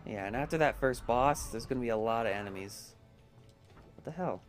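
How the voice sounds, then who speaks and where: A man with a groggy morning voice giving casual, relaxed commentary while playing a video game, now and then cursing at the game. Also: mid-range voice, a little fast, soft background music. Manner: relaxed, mumbling, with bursts of swearing.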